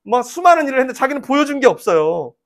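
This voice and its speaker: Animated Korean pastor preaching. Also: male voice, very high voice, very fast. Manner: lively storytelling, acting out voices in quotes; leads congregation in call-and-response reading. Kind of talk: sermon.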